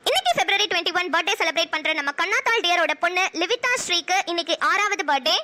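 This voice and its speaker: A woman's voice: very high-pitched, animated, fast talker, very noisy. A woman host cheerfully greeting viewers and announcing celebrations. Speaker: channel host.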